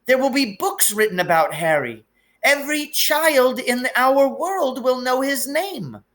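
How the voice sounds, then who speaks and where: A man's voice: very high-pitched, lively intonation, a little slow, fairly bright tone, voice pushed up, full character voice. A man voicing an anxious, stern older witch who is a professor in a storybook. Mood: incredulous. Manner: astonished, disapproving.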